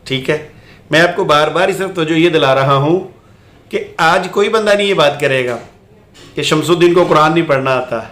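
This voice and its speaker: Man, argumentative commentator, insistent, fairly high voice, echoey room. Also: a bit bright. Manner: insistent, repeatedly pointing viewers to evidence. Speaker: commentator on a debate clip.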